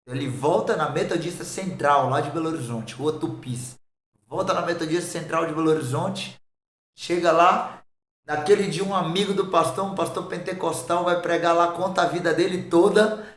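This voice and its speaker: A pastor with a Brazilian Portuguese accent telling his conversion testimony on a podcast, animated and acting out the voices of the people in his story. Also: on the high side, moderate pace, reverberant.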